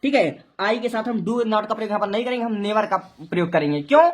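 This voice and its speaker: Talking quickly in a medium-pitched voice, a woman runs a Hindi-to-English translation lesson. She breaks down every step, raises and resolves her own questions, and spells words out letter by letter.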